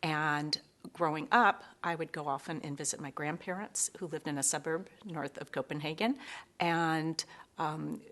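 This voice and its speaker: A middle-aged woman from Seattle with a low voice speaks earnestly in a recorded interview. She talks thoughtfully, pausing often with fillers as she gathers her words. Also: a bit bright.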